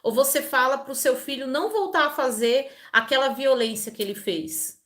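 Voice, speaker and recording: A woman with a fairly high voice reads a Bible passage aloud. She stops often to explain it in a chatty, homely way. Her tone is conversational, with everyday examples and frequent tag questions. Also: normal speed, fairly bright tone. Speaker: Bible reader and channel host. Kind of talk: scripture reading with informal commentary.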